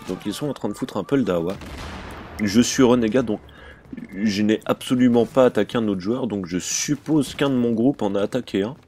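A low-voiced man talks through a game in a relaxed let's-play commentary, chatty and informal. He hesitates often and keeps a loose, friendly flow. A faint hiss of noise sits under his gaming mic. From France. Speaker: gaming channel host.

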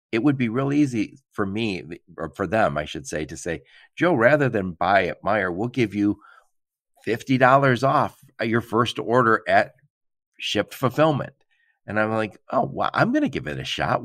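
A man's voice: on the low side, fairly bright tone, no room sound, studio quality. A man hosting a podcast interview, chatty, laughing often and acting out quotes in casual talk. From Michigan. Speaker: podcast host.

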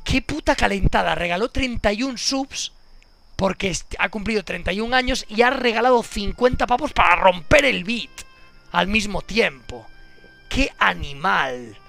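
A man chats on his stream, crude and jokey, shouting out of nowhere. His voice sits high and swings widely, with a gravelly fry underneath and a bright, forceful edge. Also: expressive, normal speed, soft background music. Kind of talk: casual stream chat.

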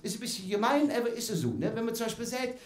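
A man's voice: very high voice, very animated, very fast, echoey room. A man with a Cologne accent doing live stand-up for an audience, chatty and tacking "ne?" onto nearly every sentence. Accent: Cologne (Kölsch). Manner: chatty, keeps adding "ne?", laughs along. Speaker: comedian on stage.

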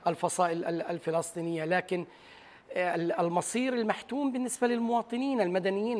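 A man in his forties with a Palestinian accent, giving a serious interview account as a journalist, often halting to search for words. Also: high-pitched. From Gaza. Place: large TV news studio. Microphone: lapel.

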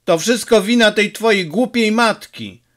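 A man's voice: sits high, measured pace, a bit bright, pitched above the performer's own voice. A man voicing an angry, short-tempered village father who scolds his son, in an audiobook reading. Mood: angry, scolding. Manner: scolding, exasperated.

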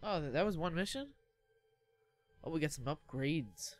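A man's voice: a little high, expressive, normal speed, soft background music. A young man casually commenting on a video game, reactive and chatty, often laughing and saying "oh man.". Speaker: gaming commentator. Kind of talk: casual let's-play commentary.

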